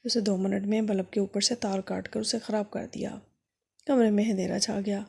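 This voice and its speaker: A woman narrating a story in the first person, in a steady and earnest way. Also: mid-range voice, vocal fry, husky.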